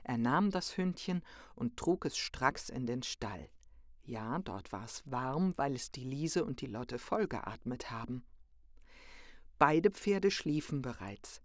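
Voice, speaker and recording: A storyteller reading a children's tale aloud in a lively, expressive manner. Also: mid-range voice, slow, dry recording, clean studio sound.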